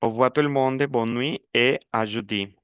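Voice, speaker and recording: A man teaching a beginner French class in Spanish, explaining slowly and mixing in French words. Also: mid-range voice, smooth, no echo, muffled recording. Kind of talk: online language class.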